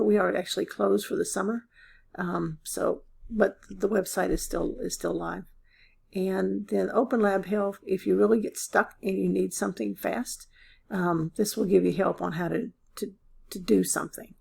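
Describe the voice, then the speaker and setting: A woman's voice: lowish voice, a little mellow. A woman instructor losing her voice, giving a casual, filler-heavy walkthrough of her course site. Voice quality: gravelly, husky.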